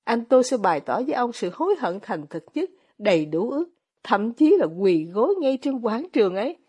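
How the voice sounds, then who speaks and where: A woman's voice: on the high side, big pitch swings, brisk, warm tone, breathy edge. A woman reading as an earnest, pleading young man in an audiobook.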